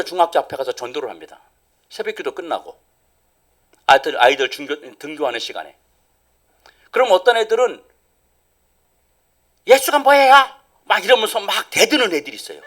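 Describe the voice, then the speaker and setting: A middle-aged male pastor preaching a sermon, swinging from loud emphatic lines down to near whispers. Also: on the high side. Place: church sanctuary.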